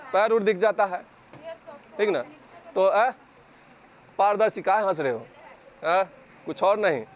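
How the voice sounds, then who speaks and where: A male physics teacher with a Bihari accent, lecturing a class and firing repeated questions at the students, sometimes scolding them. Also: high voice.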